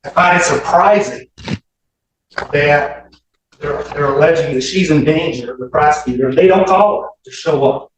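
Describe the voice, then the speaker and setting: Defense attorney guy arguing his point, kinda high voice, super echoey courtroom recording from far off. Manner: argumentative, quick and insistent. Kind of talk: courtroom argument. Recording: echoey courtroom recording from a distant mic with faint hiss.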